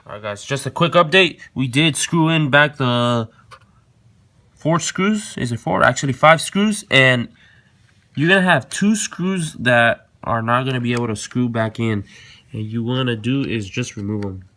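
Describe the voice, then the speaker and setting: This man leads a car installation tutorial in an unhurried, medium-pitched voice that sounds pushed and bright, explaining each step informally and repeating himself. The recording is dry yet noisy, with clicks and vehicle sounds behind him.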